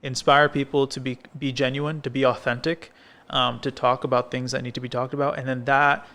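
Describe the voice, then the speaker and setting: A man co-hosting a podcast on a coffee shop set, with a smooth, resonant voice and a flat, steady delivery. He talks casually and rambles, with plenty of fillers and restarts. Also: medium pitch, brisk. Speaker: podcast co-host. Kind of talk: casual conversation. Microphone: filmed podcast set.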